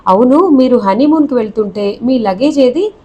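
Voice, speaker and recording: A woman's voice: fairly high pitch, lively intonation, normal speed, dark tone, lo-fi sound. A woman voicing a self-important male bus conductor in a storybook reading, questioning with suspicion and pomp. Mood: suspicious.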